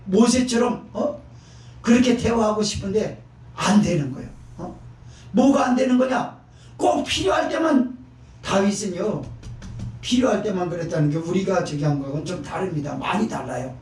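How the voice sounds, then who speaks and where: A male pastor preaching a sermon, emphatic, breaking into shouted rises and asking his listeners "eh?" between phrases. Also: sits high, echoey room, far from the mic.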